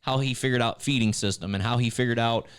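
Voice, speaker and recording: A man's voice: medium pitch, steady tone, quick pace, fairly bright tone, clean tone. A man, co-hosting a casual church video chat, rambling with frequent restarts and turning encouraging. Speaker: church staff co-host.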